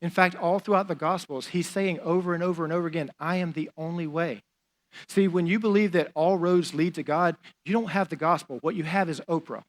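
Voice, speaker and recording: A man's voice: a little high, fairly even intonation, a little fast. A young adult man, a pastor, preaching a sermon in a conversational, emphatic way, often saying "like" and repeating phrases for stress.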